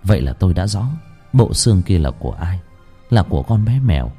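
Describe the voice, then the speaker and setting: Man with a dark, emotional storytelling voice. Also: low voice, very animated, brisk, husky. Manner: emotional, swinging from hushed to pleading. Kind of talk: dramatic ghost story narration. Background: faint music.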